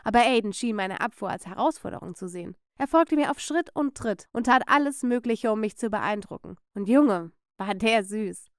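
A woman narrating a first-person story in an expressive, scripted storytelling style. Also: on the high side, brisk, hardly any pauses, smooth, dry recording, studio quality.

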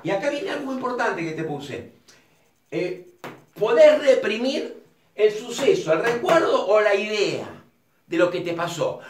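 A man's voice: very high-pitched, fairly bright tone. A man with an Argentine Rioplatense accent teaching at a whiteboard, chatty and digressive, with colloquial asides to the viewer. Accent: Argentine Rioplatense Spanish. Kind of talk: informal whiteboard lecture. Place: room with a whiteboard. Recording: echoey room, mic at a distance.

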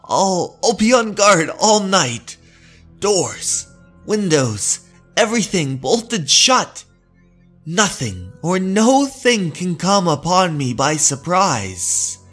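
Frightened suburban man, voiced by a narrator, jumpy and frantic, husky, horror comic dub. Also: sits high, sing-song, slow, fairly bright tone, soft background music, voice pushed up, heavily acted. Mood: fearful, panicked. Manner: frantic, fearful.

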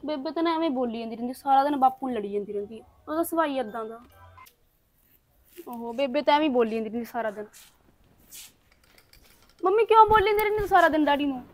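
Brief: actress as a soft-spoken young daughter calming her mother, high voice, fast talk. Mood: pleading. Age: young adult. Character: young engaged daughter, gentle peacemaker.

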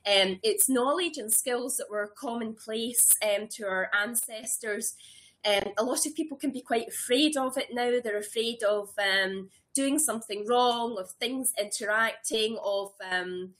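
A woman in her thirties who grew up in Scotland, hosting a webinar as a herbalist from a small room at home, talking warmly and eagerly with many ums and restarts. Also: fairly high pitch, a little slow. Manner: warm and enthusiastic, with frequent ums and restarts. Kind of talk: casual webinar talk. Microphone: webcam or laptop mic on a video call.

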